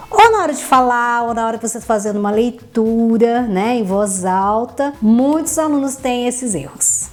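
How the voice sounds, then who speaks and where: A woman's voice: a little high, a little mellow. Upbeat woman teaching French. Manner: upbeat, explains slowly, repeats words. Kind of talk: online language lesson.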